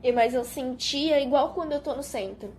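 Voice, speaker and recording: Young woman giving a halting testimony. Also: sits high. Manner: halting, repeating words, softly dropping away at the ends of phrases. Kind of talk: emotional personal testimony to her mother.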